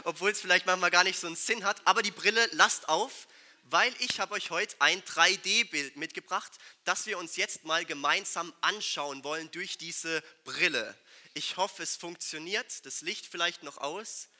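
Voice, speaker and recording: A man's voice: sits high, normal speed, bright, forceful tone. A man giving a sermon to a congregation, speaking emphatically and putting rhetorical questions straight to his listeners. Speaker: preacher.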